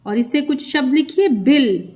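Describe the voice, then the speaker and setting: A woman with a high, light voice teaches a script lesson for children, speaking slowly and patiently into a close mic. She draws out every syllable and repeats sounds so young learners can keep up.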